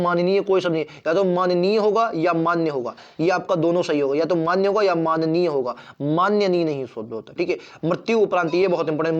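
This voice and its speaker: A man's voice: a little high, a little mellow. A man teaching an online exam-prep Hindi lesson, repeating words and checking in with "theek hai". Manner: repetitive, drills spellings with "theek hai". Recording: dull lo-fi recording.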